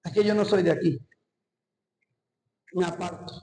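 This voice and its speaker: High-voiced impassioned male pastor, echoey hall. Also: steady tone, measured pace, gravelly, warm tone. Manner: impassioned preaching, often addressing the congregation directly. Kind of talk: sermon. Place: church hall.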